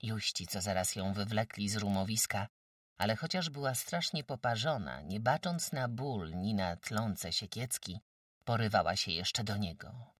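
A man narrating a classic novel as an audiobook, with dramatic, expressive storytelling. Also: on the low side, measured pace, no room sound, clean studio sound, far from the mic.

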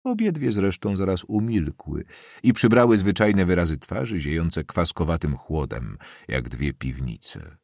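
Deep, gravelly male narrator. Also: big pitch swings, measured pace, a little mellow, no room sound, clean studio sound. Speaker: audiobook narrator. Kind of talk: scripted narration of a classic novel.

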